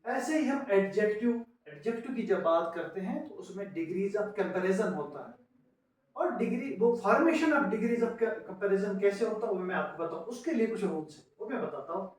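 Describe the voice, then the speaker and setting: A man teaching English grammar in a classroom lecture, explaining slowly and spelling words out letter by letter. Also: sits high, animated. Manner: mixes English terms into his explanations. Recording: echoey room, mic far off.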